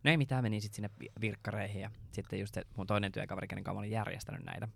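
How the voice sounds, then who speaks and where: A man's voice: fairly low pitch, fairly even intonation, gravelly, a bit bright. A man co-hosting a podcast, telling a story in a rambling, casual way with lots of fillers and swearing. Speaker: podcast co-host.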